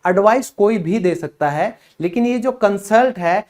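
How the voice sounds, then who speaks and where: Guy teaching english words, slow unhurried talk, chatty and friendly, spells out each example sentence. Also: high-pitched, a little mellow. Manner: chatty, addresses viewers as friends; says English example sentences slowly and carefully. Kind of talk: casual vocabulary lesson.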